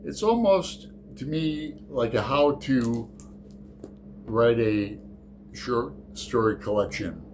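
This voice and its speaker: This man runs a book channel and is chatting his way through a book tag, rambling and hesitant with plenty of fillers. His voice sits in the mid range, he takes his time, and there's a slight bit of background noise.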